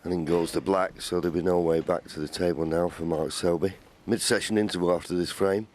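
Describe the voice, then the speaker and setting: A man giving measured, understated live snooker commentary as a match commentator. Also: deep voice, steady tone, darkish tone. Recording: crowd and arena noise behind. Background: snooker arena audience ambience.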